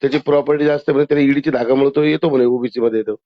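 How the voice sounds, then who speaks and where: On a muffled, lo-fi phone recording, a Maharashtrian-accented man argues insistently as the caller, interrupting the other side. His voice is mid-range and steady in tone, and he talks very fast.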